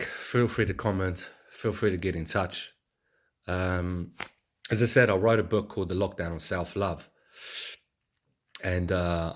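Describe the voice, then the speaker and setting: A man's voice: low-pitched, fairly bright tone. A man speaking in an earnest, rambling reflective monologue, with many fillers and restarts. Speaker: vlogger.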